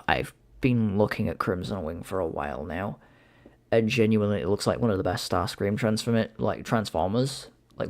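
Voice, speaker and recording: Speaking with a fairly low pitch and darkish tone, a young man streams live from home. He chats loosely while reacting, laughing easily and dropping swear words, in casual live commentary.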